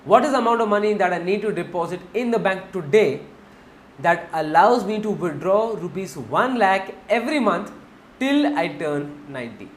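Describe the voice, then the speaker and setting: A man's voice: high-pitched, lively intonation, normal speed, echoey room, a little hiss or hum. A man with an Indian accent teaching a finance class, mixing Hindi into his English, repeating key points and asking the class questions.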